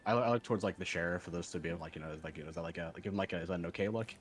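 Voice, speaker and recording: A very low-pitched man talks quickly as a player in a tabletop game. His casual speech rambles and hedges, with faint noise behind it. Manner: rambling, hedging, heavy use of "like".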